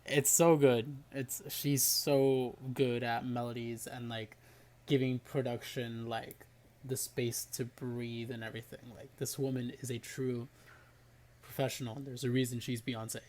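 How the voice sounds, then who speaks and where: A man's voice: mid-range voice, measured pace, slight background noise. Chatty man gushing in a music reaction. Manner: chatty, full of "like" fillers, lively and enthusiastic. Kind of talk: casual album reaction commentary.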